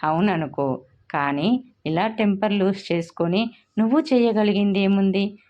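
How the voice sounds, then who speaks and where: A woman voicing a sensible female friend in a storybook reading, speaking softly and calmly. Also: medium pitch, measured pace, dull audio, natural voice. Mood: soothing. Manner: soft and reasoning.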